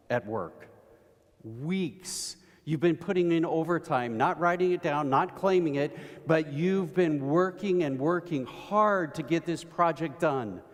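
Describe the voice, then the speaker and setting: A man preaching a sermon, telling everyday stories at an unhurried pace and building to emphatic bursts. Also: fairly high pitch. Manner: slow, storytelling delivery with rising emphatic bursts. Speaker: pastor. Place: church sanctuary. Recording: long reverb of a church hall.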